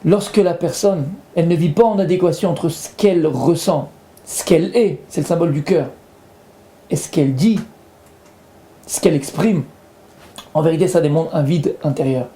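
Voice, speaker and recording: A male rabbi delivers a Torah lesson in a high, soft-edged voice. He explains patiently, circling back to rephrase each idea. The sound carries the echo of a reverberant room. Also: moderate pace, pauses often. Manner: explains patiently, repeats and rephrases points, slips in Hebrew terms.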